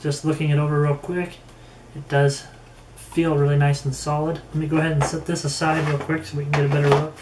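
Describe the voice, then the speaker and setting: Speaking slowly and haltingly, this man works out his opinions on a product as he goes in an informal review. His pitch is middling and his tone level. Faint noise sits behind him in a room with noticeable echo.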